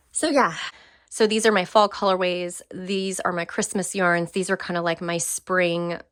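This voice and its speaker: A young woman with a slightly low voice gives a casual tour of her home craft room. She chats along warmly and enthusiastically, often trailing off with fillers and small restarts as she shows each item. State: briefly out of breath. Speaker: craft vlogger.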